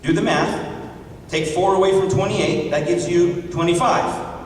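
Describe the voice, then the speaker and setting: An Iranian pastor and public speaker with a high, steady voice, speaking a little slowly, delivers an emphatic political speech in a large meeting hall, hurling rhetorical questions at a live crowd. A distant room mic picks him up from far off, so the hall sounds echoey, with a faint hiss or hum.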